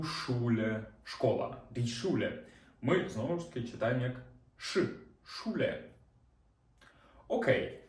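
A male teacher leads a beginners' lesson in a calm, patient way. He repeats example words slowly so learners can follow. He sits off the mic, so the room's echo carries his voice. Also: mid-range voice, recorded from a distance. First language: Ukrainian. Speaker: German teacher. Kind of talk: lesson explaining reading rules. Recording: roomy, off-mic sound.

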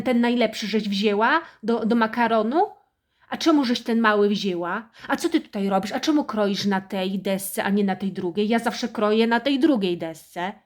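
Lightly acted, a woman takes on the role of a harsh middle-aged mother, house-proud and sorry for herself, in a satirical character monologue. She nags and grows shrill as she scolds.

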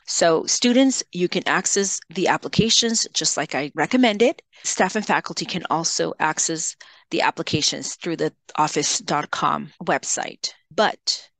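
A female software trainer leads an instructional screen-share tutorial, speaking to learners directly in a measured, explanatory way. Her voice sits on the low side, and there's no room sound.

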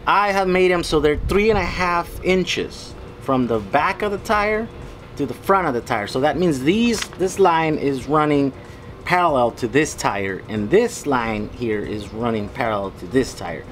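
A man's voice: on the high side, slight background noise. Man explaining car work in his garage. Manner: explains hands-on, thinking aloud. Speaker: vlogger. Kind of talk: casual DIY vlog. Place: home garage.

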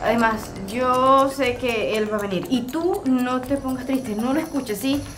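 Woman as optimistic young clerk, higher voice, music bed. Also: a little slow. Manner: reassuring, upbeat. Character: trusting upbeat young female shop clerk. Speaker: store employee. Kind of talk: scripted web drama acting.

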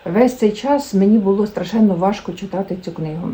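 Casting note: woman book blogger, casual vlog, mellow and unhurried, chatty with fillers. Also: medium pitch, poor audio. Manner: chatty, thinking aloud with fillers.

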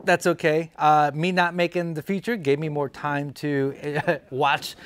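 A man's voice: fairly high pitch, little pitch movement, measured pace, clean tone. A man, hosting a woodworking channel and talking casually to camera, with lots of ums and uhs as he stands and gestures. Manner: chatty, many fillers, standing and gesturing. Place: indoor studio with colored backdrop.

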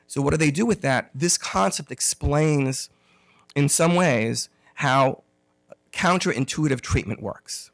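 A man giving a conference lecture on anxiety therapy, telling an animated personal story and acting out the dialogue with self-deprecating humor. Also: fairly high pitch, a little slow, creaky, dry recording, studio quality. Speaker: conference speaker on OCD therapy. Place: conference room.

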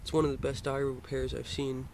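Speaking a little fast with vocal fry and a completely flat, mid-range voice, a young man from Florida casually shows off his fishing equipment. He rambles with many hesitant fillers, recorded on a handheld phone angled down at the gear in a noisy car.

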